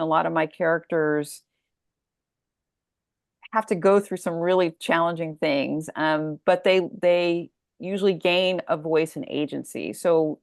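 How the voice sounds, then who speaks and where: Speaking in a low voice, the same kind of guest, a middle-aged American woman discussing her story collection, works out her answers aloud in a relaxed, meandering interview. She comes across as thoughtful, and the clean studio sound carries no room noise.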